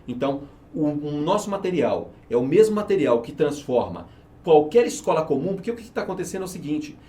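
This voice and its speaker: A warm-toned, slightly high male voice belongs to an interview guest, a research and market manager who lays out his teaching method. He argues his point emphatically, regularly supplying answers to his own rhetorical questions.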